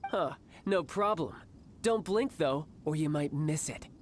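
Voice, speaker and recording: Smooth, lively, self-assured young fighter. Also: male voice, a little high, unhurried, a little hiss or hum. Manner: playful, self-assured, theatrically polite. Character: confident, smooth-talking young male fighter posing as salesman. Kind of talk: video game character acting.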